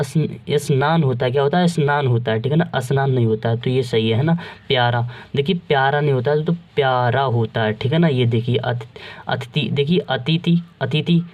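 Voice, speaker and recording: A man's voice: medium pitch, normal speed, darkish tone. A man teaching Hindi spelling, who keeps asking and answering his own questions and calls his listeners friends. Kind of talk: spelling lesson.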